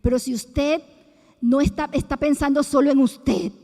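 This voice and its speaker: Middle-aged woman, fervent church testimony, high voice, long church-hall echo. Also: fairly even intonation, unhurried, mellow. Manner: emphatic, preacherly, repeats and restarts. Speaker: church member giving testimony. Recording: echoey church hall reverb.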